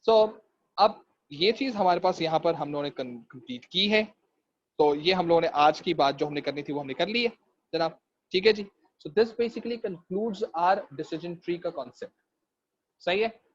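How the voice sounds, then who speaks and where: A high-voiced man from Pakistan with a Karachi Urdu accent gives an online class lecture. He jokes, mixes English into his Urdu, and keeps tagging fillers onto his sentences. The audio is dull and lo-fi. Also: a little hiss or hum. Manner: repeats fillers. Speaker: teacher.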